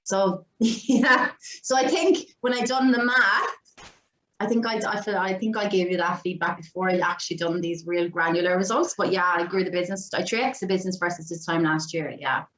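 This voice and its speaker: Irish woman guest, low-set voice, chatty and laughing, echoey room recording. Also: fairly quick, fairly bright tone. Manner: chatty, laughs often, many restarts. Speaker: guest, agency owner. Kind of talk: casual interview chat.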